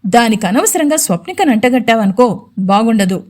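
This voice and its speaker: A woman's voice: fairly high pitch, lively intonation, a little fast, a little mellow. A stern young CEO husband, voiced by a woman speaks in firm, clipped orders. He is protective and short of patience in this audio storybook. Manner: firm, curt, commanding.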